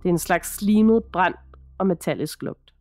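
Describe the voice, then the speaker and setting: A woman's voice: on the low side, a little mellow, dry recording, faint music behind. Woman narrating a creepy story. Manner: measured, dramatic storytelling. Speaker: podcast host. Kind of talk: scripted first-person horror narration.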